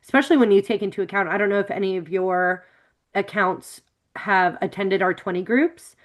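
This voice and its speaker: A woman from Florida hosts a relaxed interview over a video call. She talks in an easy, chatty way, trailing into fillers as she frames her questions. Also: mid-range voice, a little fast. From Florida, United States. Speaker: interview host.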